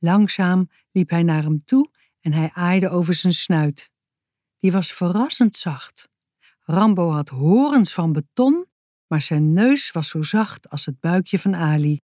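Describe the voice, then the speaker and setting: A woman narrating a children's audiobook in a calm, measured storytelling manner, close to the mic. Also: fairly low pitch, no room sound.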